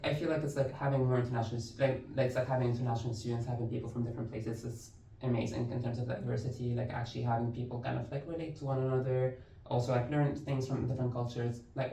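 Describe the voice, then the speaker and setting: A man's voice: mid-range voice, flat delivery, fast talker, mellow. A young adult man from Lebanon, a university instructor talking as a podcast guest in an easygoing way, leaning on "like" and "it's like". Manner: easygoing, fills speech with "like" and "it's like". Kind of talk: casual interview conversation. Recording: roomy, distant mic.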